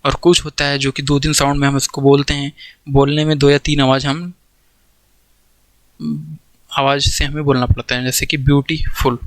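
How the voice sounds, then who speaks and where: A man's voice: mid-range voice, a bit bright, no room sound, rough recording. A man teaching a grammar lesson in with examples, explaining step by step and checking often that students follow. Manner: explains step by step, keeps checking understanding with "theek hai". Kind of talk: classroom grammar lecture.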